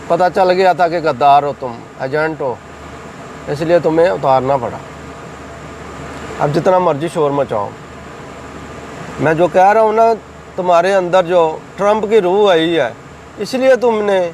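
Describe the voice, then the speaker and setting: A middle-aged man from Pakistan delivers heated political commentary in a high voice. He speaks combatively and accusingly, repeating phrases to hammer his points home, with a faint hum of outdoor traffic behind him. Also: rough recording. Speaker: political commentator hosting his own channel.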